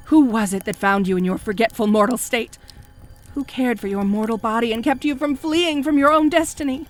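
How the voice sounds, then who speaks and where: A woman playing a fanatical, jealous cult high priestess in an audio role-play, fawning and pleading with stammering devotion. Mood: indignant, demanding. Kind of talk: scripted audio role-play addressed to the listener.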